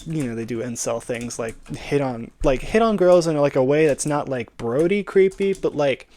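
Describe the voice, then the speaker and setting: A man's voice: on the high side, lively intonation, normal speed, mellow. A young adult man chatting casually, meandering through a story in slangy, sweary language and slipping into bits of acted dialogue. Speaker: storyteller pitching a movie idea. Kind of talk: rambling casual chat.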